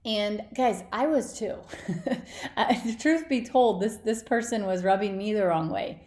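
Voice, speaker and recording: A woman's voice: mid-range voice, unhurried, a little mellow. A woman hosting a podcast in a casual motivational monologue, informal, emphatic and blunt, recorded in an echoey room. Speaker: podcast host. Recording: roomy, echoing indoor sound.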